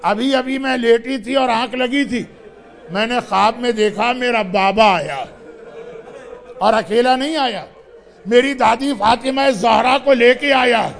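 A man's voice: very high-pitched, creaky, fairly bright tone, some chatter behind, exaggerated voice. A man voicing a grieving little girl who pleads for her father, in a plaintive tone within a mourning sermon. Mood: plaintive pleading.

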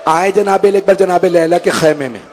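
A man's voice: high voice, moderate pace, a little mellow. A man delivering a mourning sermon, emotional and pleading with his listeners, rising to cries. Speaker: majlis orator. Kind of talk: mourning sermon with acted quotes.

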